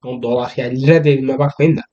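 A man's voice: medium pitch, steady tone, racing, warm tone, dull audio. A teenage boy chatting casually to camera in a joking, teasing, rambling way. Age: teens. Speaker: vlogger.

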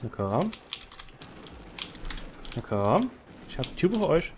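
A man giving excitable live commentary over his own gameplay into a headset microphone, calling out wins and losses. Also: on the high side, slow pace, noisy background. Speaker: gaming commentator.

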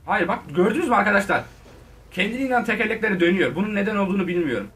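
A man giving casual, excitable commentary on his gameplay, talking straight to his viewers and shouting at the game. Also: high-pitched, very fast, distant mic. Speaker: gaming video host.

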